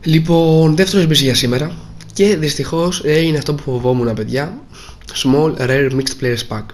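A young man casually commenting on a video game, grumbling and disappointed, his voice a little hoarse. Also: on the high side. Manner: grumbling, disappointed, repeats himself. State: slightly hoarse. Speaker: gaming video creator.

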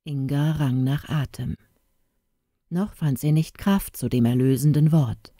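A woman narrates a fairy-tale audiobook in a slow, measured way. Her tone is dark and mellow, and the recording is close and dry, with no room sound. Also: low-pitched, dry recording.

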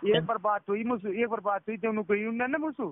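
A man calls on the phone to recount being scammed while driving, his voice high-pitched and rapid-fire. He tells it casually but agitatedly, repeating himself. The call recording sounds tinny.

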